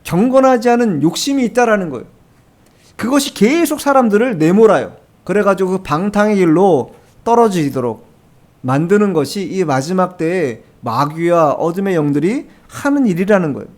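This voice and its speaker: High-voiced man preaching a sermon. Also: lively intonation, normal speed. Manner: preaching with frequent rhetorical questions to the congregation; emphatic, repeats key phrases. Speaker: pastor. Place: church sanctuary.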